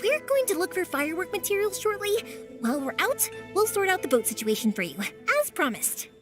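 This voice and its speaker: An actress playing a warm-hearted, chatty young woman in a video game, energetic and friendly. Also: very high-pitched, a little fast. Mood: reassuring, careful. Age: young adult. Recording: music behind.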